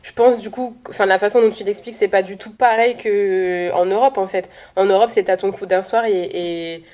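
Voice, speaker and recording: A woman's voice: mid-range voice, steady tone, a little fast, a little mellow. Casual woman co-host. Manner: conversational, uses slang and fillers. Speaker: podcast co-host. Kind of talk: casual chat.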